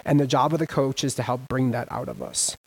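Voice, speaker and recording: A man preaching a sermon as pastor, emphatic and casual, with sudden loud rises and everyday slang. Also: medium pitch, steady tone, brisk, husky, rough recording.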